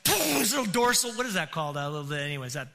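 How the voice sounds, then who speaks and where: A middle-aged male pastor tells a story from the pulpit, his voice high for a man and very bright and ringing. He swings between loud, excited bursts and hushed, quiet moments as he acts out the scene. The sound carries a long reverb from a large hall. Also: quick pace, creaky. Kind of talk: sermon storytelling.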